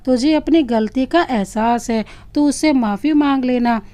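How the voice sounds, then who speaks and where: A woman's voice: high voice, a little slow, dark tone. A woman voicing a loyal, caring young friend. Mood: concerned. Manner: concerned, reassuring.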